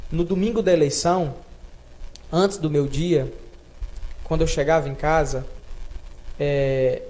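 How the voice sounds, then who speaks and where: A man's voice: on the high side, warm tone. A man from Brazil in his thirties, a re-elected city councilman answering an interview in an earnest, heartfelt way, repeating phrases for emphasis.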